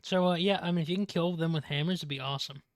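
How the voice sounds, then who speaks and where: A player in a casual online tabletop game, speaking in a deadpan, mock-serious way. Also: mid-range voice, very fast, dry recording, clean studio sound.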